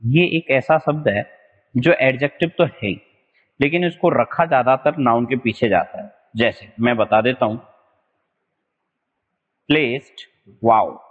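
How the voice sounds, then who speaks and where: A man from Rajasthan teaching English vocabulary for exams, mixing Hindi and English and repeating words slowly to stress them. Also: medium pitch, long reverb tail, phone-quality sound. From Rajasthan, India. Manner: explains in a mix of Hindi and English, drawn-out repeated words, spells out letters. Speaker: exam-prep English teacher. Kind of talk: online vocabulary lesson.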